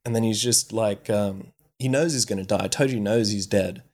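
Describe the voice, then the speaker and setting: Male podcast co-host, slightly low voice, loose and profane storyteller. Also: moderate pace, darkish tone. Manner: swears freely, loose storytelling with many fillers. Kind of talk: casual chat, retelling an anime plot.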